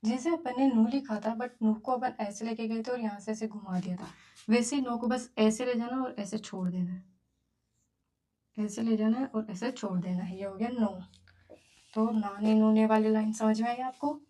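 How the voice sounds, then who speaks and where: A woman's voice: a little high, normal speed, mellow. Patient woman teaching writing. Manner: patient, counts strokes aloud while writing. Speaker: Japanese teacher. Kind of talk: beginner writing lesson.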